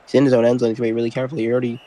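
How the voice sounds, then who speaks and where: A man's voice: mid-range voice, level tone, very fast, warm tone, rough recording. Rambling amateur football commentator, man. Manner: rambling, self-correcting, apologetic while multitasking. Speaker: play-by-play commentator.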